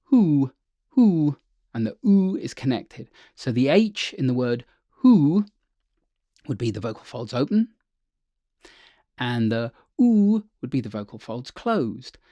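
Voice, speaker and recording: A man's voice: mid-range voice, sing-song, a little slow, dark tone, dry recording, dull audio. A man teaching a singing lesson as a vocal coach, upbeat and chatty, checking in with the listener often.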